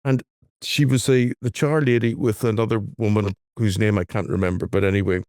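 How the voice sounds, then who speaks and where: A middle-aged man, co-hosting a casual podcast in an easygoing, halting way. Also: on the low side, steady tone, a little mellow, no room sound, studio quality. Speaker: podcast co-host. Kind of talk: casual chat.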